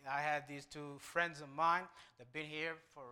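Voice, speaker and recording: A man with a Moroccan accent, English not his first language, tells his conversion story from a church pulpit. His voice is bright, smooth and fairly high. He stumbles over repeated words and breaks in with small jokes. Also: level tone. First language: Arabic. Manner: halting, with frequent repeated starts and light humor. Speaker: guest preacher. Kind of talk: church testimony.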